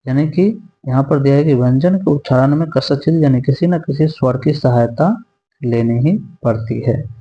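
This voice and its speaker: A man's voice: mid-range voice, normal speed. Patient teacher man, dull lo-fi sound. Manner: patient, repeats points and asks the class questions. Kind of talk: classroom lesson explaining grammar.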